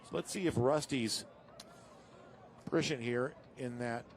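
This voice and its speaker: Steady play-by-play football announcer man. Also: medium pitch, a little slow, slight background noise. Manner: steady, informative delivery that rises sharply on big plays. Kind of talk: live high school football commentary.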